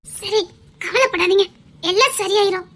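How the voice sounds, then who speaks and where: A woman's voice: extremely high pitch, moderate pace, fairly bright tone. A woman with a Tirunelveli Tamil accent voicing a devoted young woman who soothes and coaxes. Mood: tender. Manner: coaxing, soothing, insistent. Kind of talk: amateur dramatic dialogue.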